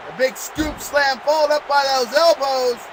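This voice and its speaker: A man calling play-by-play as a wrestling commentator, excitable and exclamatory in his delivery. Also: extremely high pitch, moderate pace, background noise.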